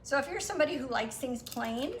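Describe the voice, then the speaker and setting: A woman's voice: high voice, fairly quick. Woman chatting about cooking, echoey room. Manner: relaxed, explaining with frequent fillers. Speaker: guest cook. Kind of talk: casual cooking chat. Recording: echoey room with some noise.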